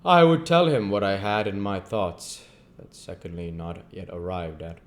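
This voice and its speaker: Hosting an audiobook-style reading, a man with a low voice narrates literary prose at normal speed.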